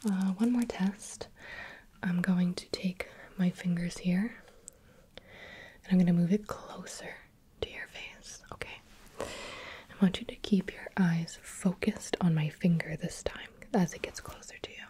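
A woman speaks almost entirely in a soft, unvoiced whisper, very breathy and airy. Her tone is dark and mellow, and she coaxes patiently like an examiner running simple tests. She sounds right up against the microphone, as if leaning in by the ear. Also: lowish voice, steady tone, unhurried. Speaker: roleplay examiner giving eye and hearing tests. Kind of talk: ASMR roleplay. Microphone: close mic, leaning near the ear.

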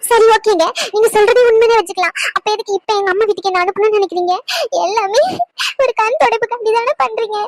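A woman's voice: very high voice, fast, no room sound. A woman voicing a tearful young pregnant wife in a cartoon, pleading and complaining.

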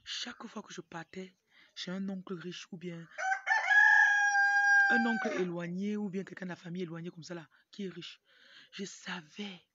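Her lowish voice keeps a fairly even intonation at a moderate pace, with frequent pauses. She's a young Cameroonian woman raised in Tonga with a Cameroonian French accent, a motivational speaker and livestream host giving an informal talk to camera, full of asides. The muffled, noisy outdoor phone recording was made in a yard at arm's length, with a rooster crowing over background noise.

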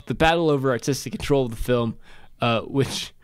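A man's voice: medium pitch, fairly quick, clean tone, no room sound. A man co-hosting a podcast who reads a passage aloud with many hesitant fillers and a dry, sarcastic edge. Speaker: podcast co-host. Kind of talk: casual film discussion, reading aloud.

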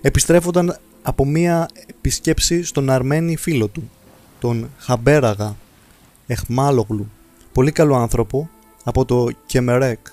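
A man's voice: medium pitch, a little mellow, soft background music. Earnest male reader of devotional stories. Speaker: narrator. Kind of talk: reading a religious book aloud.

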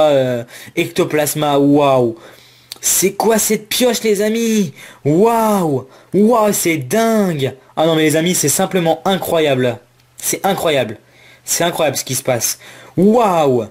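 A man hosting a casual card-opening vlog, listing card names in a running commentary and talking excitedly to his viewers. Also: fairly high pitch, slow. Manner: excitable, exclamatory, addresses viewers as friends.

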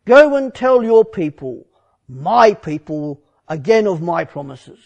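A male preacher voicing God, who speaks to Moses in slow, solemn and measured declarations within a dramatic monologue sermon. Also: high-pitched, very animated, a little mellow, highs cut off, heavily acted.

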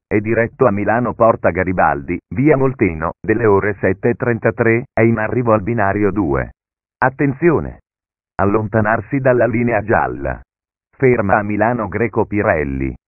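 A man's fairly low voice delivers an automated train station announcement in calm, segmented phrases that sound stitched together, with sudden pitch jumps between chunks. He speaks at normal speed with long pauses. It plays as a recorded station PA message through a narrow, phone-like, dry channel with no room sound.

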